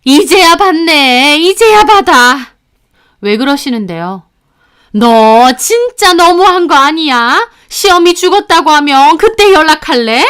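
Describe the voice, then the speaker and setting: A woman voicing a bullying older mother-in-law who scolds and shouts. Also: high-pitched, moderate pace, clean tone. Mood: shouting.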